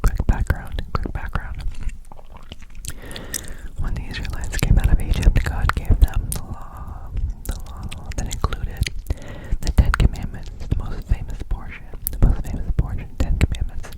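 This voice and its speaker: Male ASMR host, whispered delivery up close, lots of repeated phrases, wet gum-chewing mouth sounds. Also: low-quality recording. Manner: whispers throughout; slow, repeats words and phrases. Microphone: close mic, ear to ear.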